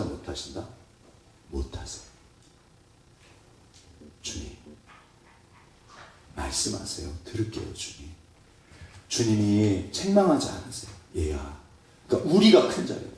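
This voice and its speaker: A male pastor preaches with a lively, swooping delivery, putting questions to his congregation and acting out little prayers. His voice booms around a very echoey church hall, picked up from well away from the mic. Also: recorded from a distance. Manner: animated, asks the congregation questions and acts out prayers and quotes. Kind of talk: sermon. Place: church sanctuary.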